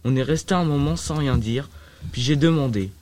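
A man reading a first-person novel aloud in a measured, reflective way. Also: mid-range voice, darkish tone. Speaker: audiobook narrator. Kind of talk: first-person audiobook narration.

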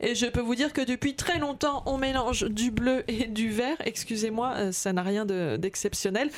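A woman's voice: on the high side, normal speed, natural voice. A woman playing a nervous amateur painter lady who stammers and trails off from stage fright. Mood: flustered.

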